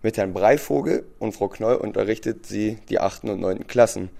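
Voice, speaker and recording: A man with a gravelly, fry-laden voice reads a scripted radio segment. His delivery is even and presentational, like a school radio report. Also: on the low side, moderate pace.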